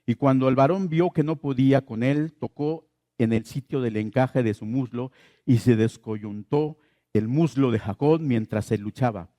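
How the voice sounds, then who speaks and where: A man's voice: mid-range voice, moderate pace, dark tone, no echo, studio quality. A man preaching a sermon as pastor, asking the congregation questions and repeating his key phrases.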